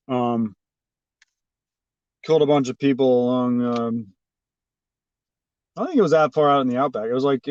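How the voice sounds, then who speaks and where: A man's voice: medium pitch, a little mellow, dry recording. A man streams live to his chat while out on city streets, wandering from thought to thought with plenty of swearing and filler words. His voice sits in a dry, close pickup from his phone, slightly dull and lo-fi. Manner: offhand, profane, rambling with many fillers. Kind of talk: casual rambling chat. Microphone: phone held by the streamer.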